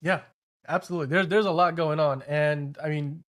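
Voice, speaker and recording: A man's voice: fairly high pitch, steady tone, a little fast, a bit bright. A man hosting an entertainment news show, giving casual commentary in a loose, conversational way with frequent asides.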